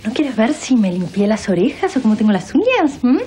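A woman's voice: fairly high pitch, sing-song, brisk, mellow. An actress playing a spiteful young woman who answers with sarcasm and contempt. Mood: sarcastic scorn. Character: spiteful scheming young woman named Rosario. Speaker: telenovela character.

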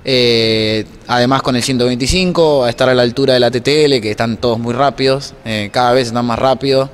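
A brisk, steady-toned man of medium pitch, in his twenties and with an Argentine accent, chats casually into an interviewer's handheld microphone. The racing announcer and workshop mechanic is recorded in an indoor block-walled room at a racetrack, where the noisy space leaves clear ambient sound.

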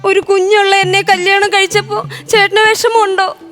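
A woman's voice: extremely high pitch, level tone, normal speed. A woman, playing a coy new wife in a stage comedy sketch. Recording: television broadcast with loud music behind.

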